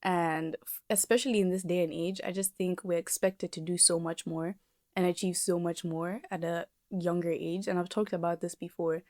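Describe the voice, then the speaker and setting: Young woman, twenty, solo podcast host, rambling and reflective, slightly low voice, mellow tone, dry close sound. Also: fairly even intonation, normal speed, dry recording. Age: 20s. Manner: rambling, reflective, lots of fillers. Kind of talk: casual solo podcast monologue.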